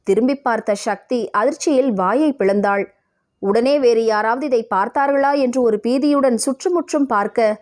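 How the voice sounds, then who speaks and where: A woman radio jockey narrating an audio novel in a smooth, even storytelling manner. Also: fairly high pitch.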